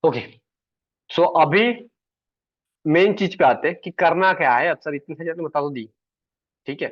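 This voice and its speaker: A man's voice: fairly high pitch, normal speed, no room sound. Chatty male sales trainer on a call. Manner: chatty, keeps checking in with the class. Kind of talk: online class teaching. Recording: dull, dry online call audio.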